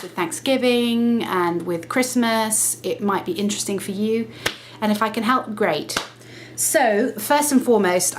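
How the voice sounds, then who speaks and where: This lifestyle vlogger, a woman, talks casually to the camera in a mid-pitched, conversational voice that sounds slightly nasal from a cold. She's chatty and brisk in her explanations, correcting herself as she goes, with a faint hiss in the background.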